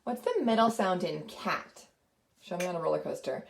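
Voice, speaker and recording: Encouraging woman with a gravelly edge. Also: lowish voice, expressive, moderate pace, a little hiss or hum. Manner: patient, encouraging teacher-like tone. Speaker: literacy presenter and mother. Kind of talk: educational presentation with phonics games.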